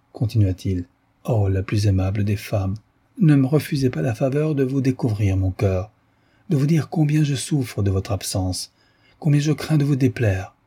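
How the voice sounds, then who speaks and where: Man voicing eager gentleman suitor, flowery pleading, dark husky low voice. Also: lively intonation, moderate pace. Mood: ardent pleading. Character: ardent, pushy young gentleman suitor.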